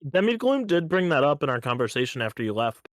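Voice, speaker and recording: A man co-hosting a podcast in casual chat, telling stories in an easygoing, teasing way with halting restarts. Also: a little high, big pitch swings, fairly bright tone, no echo, studio quality. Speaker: podcast co-host.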